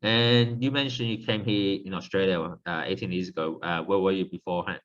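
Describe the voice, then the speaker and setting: A man from Hong Kong hosting a casual interview, asking halting questions and giving brief backchannels. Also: deep voice, steady tone, a bit bright, lo-fi sound. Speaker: podcast host.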